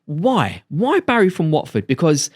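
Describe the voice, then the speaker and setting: Lively, enthusiastic radio host. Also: male voice, fairly high pitch, measured pace. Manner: enthusiastic, rambling questions. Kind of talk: casual radio interview. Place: radio studio.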